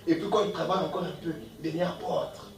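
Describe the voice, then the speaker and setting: A man's voice: on the high side, fairly even intonation, fast, roomy sound, far from the mic, slight background noise, poor audio. A man preaching a sermon as pastor, emphatic, asking the congregation questions and reading verses aloud. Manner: reads scripture verses aloud between comments. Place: church.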